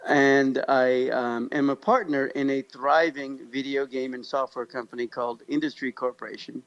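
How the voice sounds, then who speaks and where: Over a lo-fi recording, a medium-pitched male voice holds a steady tone at a moderate pace. Born in Pakistan and brought up in Kansas, this American podcast co-host keeps the conversation casual, telling stories with cheerful humor.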